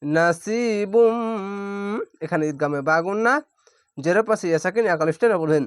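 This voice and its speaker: A man teaching Quran reading, spelling out each syllable plainly and drawing out the recited words slowly. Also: fairly high pitch, no room sound, clean studio sound.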